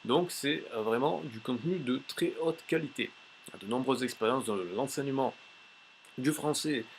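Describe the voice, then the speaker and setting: A man teaching a language tips lesson in a casual, chatty way, pausing often with fillers as he shows a website on screen. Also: mid-range voice, a little hiss or hum. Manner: chatty, many "euh" fillers and restarts. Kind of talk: casual tutorial with screen demo.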